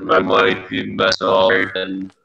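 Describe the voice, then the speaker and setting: A man's voice: deep voice, completely flat delivery, slow, vocal fry, sharp tone. A man talking casually on a video call through earbuds, his broken-up speech turned into glitchy, robotic-sounding audio by a faulty mic. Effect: glitchy robotic-sounding distorted mic audio. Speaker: participant in an online group hangout. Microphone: wireless earbuds on a video call. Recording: muffled, reverberant, garbled call audio.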